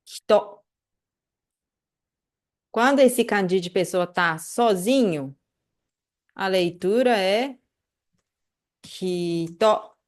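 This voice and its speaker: A woman with a Brazilian Portuguese accent teaching an online language lesson, patiently repeating phrases slowly and checking in with the listener. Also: mid-range voice.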